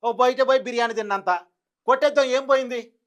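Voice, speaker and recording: A man with a notably high voice delivers a heated opinion monologue as a news commentator. He hammers home his points, repeating phrases for emphasis and throwing rhetorical questions at his listeners. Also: brisk.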